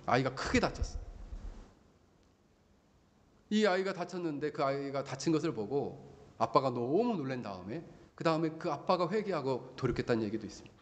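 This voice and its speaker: A male pastor preaching a sermon, telling stories and rising into loud pleading appeals. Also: lively intonation, fairly quick, pauses often. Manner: storytelling preacher who swings from low asides to loud pleading climaxes. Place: church sanctuary. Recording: long hall reverb.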